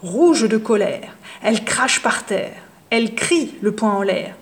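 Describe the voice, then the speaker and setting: A woman reading a children's story aloud, lively and expressive, hushing for suspense. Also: medium pitch, a little slow.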